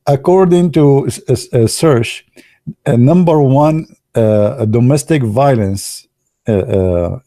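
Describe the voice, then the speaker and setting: A man chats playfully to his viewers, teasing and joking with loose, non-native English phrasing. His voice is mellow and mid-pitched, recorded close and dry. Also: no echo. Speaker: video commentator. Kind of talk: joking commentary.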